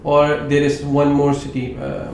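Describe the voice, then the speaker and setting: A man's voice: a little high, monotone, normal speed, creaky, a little mellow. Pakistani-born male host, echoey room. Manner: encouraging, frequent affirmations. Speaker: interview host. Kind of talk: casual interview hosting. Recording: echoey room with faint noise.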